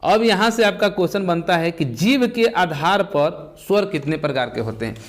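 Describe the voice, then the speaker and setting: A man's voice: high-pitched, expressive, moderate pace. A man teaching an exam-prep lesson, who asks the class questions and answers them himself, repeating the key terms step by step.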